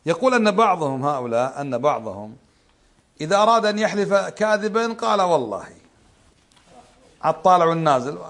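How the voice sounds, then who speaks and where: A man teaches a religious lesson, his voice sitting a little high. He talks fast and conversationally, often stopping to quiz his listeners with rhetorical questions. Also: expressive, a bit bright. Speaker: Islamic scholar teaching a book.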